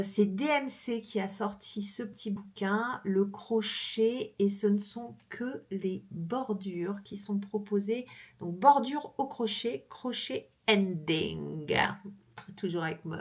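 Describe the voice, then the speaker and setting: A woman from France hosts a crochet vlog in a relaxed, chatty way. She fills her pauses freely and breaks into laughter easily. Her voice sits at a middle pitch for a woman. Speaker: crochet vlogger. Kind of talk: casual chat showing books.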